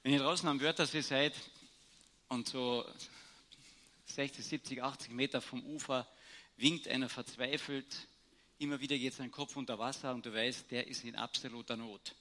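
A man preaching a sermon, telling Bible stories with shifts between hushed and raised emphasis. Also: mid-range voice, fairly even intonation, normal speed.

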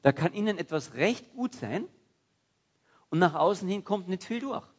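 A man preaching a sermon in a lively, conversational way. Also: sits high, moderate pace, highs cut off. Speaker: pastor.

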